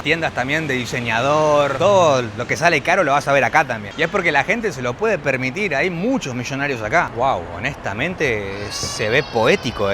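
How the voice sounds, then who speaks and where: A young Argentine man vlogging as he walks, talking directly to his viewers like friends in an Argentine Spanish accent. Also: mid-range voice. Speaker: travel vlogger. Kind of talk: casual walking travel vlog. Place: outdoors on busy city streets. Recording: outdoor street noise and traffic.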